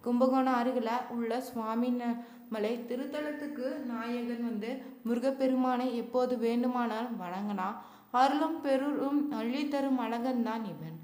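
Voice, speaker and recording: A woman narrating temple history in a relaxed, chatty way, often adding "you could say" and correcting herself mid-phrase. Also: fairly high pitch, echoey room. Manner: casual spoken Tamil with fillers like "you could say". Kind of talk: colloquial devotional narration.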